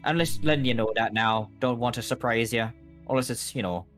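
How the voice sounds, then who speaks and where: A man playing a weary, guarded agent in a tabletop game, speaking in a grave, measured, cautioning way. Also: medium pitch, a bit bright, soft background music, close to an everyday voice. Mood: frank. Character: weary, guarded male agent warning adventurers off.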